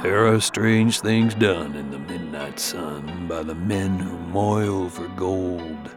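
Casting: male verse narrator, gravelly and very unhurried, theatrical storyteller delivery over faint music. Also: low-pitched. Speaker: poem narrator. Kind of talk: dramatic recital of rhyming horror verse.

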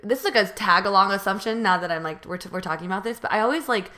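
A woman's voice: mid-range voice, very fast, sharp tone. A young American woman hosting a podcast, talking casually with lots of restarts. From United States. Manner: hesitant, many fillers and restarts. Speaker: podcast host. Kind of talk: casual chat.

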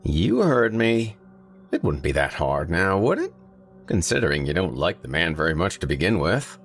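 A man's voice: low-pitched, very animated, moderate pace, soft background music. A man voicing an arrogant talking green fly in a spoken story, with a needling manner.

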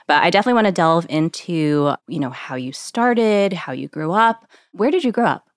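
A woman's voice: fairly low pitch, animated, normal speed, no room sound, clean studio sound. A woman hosting a casual interview podcast, chatty and enthusiastic, peppering her talk with "like.". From Connecticut, USA. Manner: chatty, enthusiastic, uses "like" a lot. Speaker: podcast host, magazine editor.

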